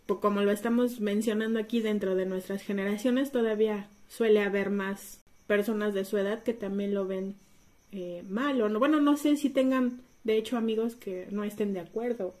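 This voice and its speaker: A woman's voice: mid-range voice, normal speed, warm tone. A woman co-hosting a podcast, chatting casually and restarting her sentences often. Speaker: podcast co-host. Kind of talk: casual conversation.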